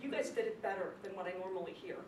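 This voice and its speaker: A woman teaching a classroom speech lesson on pronunciation, lively and emphatic, repeating her key points. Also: medium pitch, very fast. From not from the Chicago area. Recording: echoey classroom, distant mic, background noise.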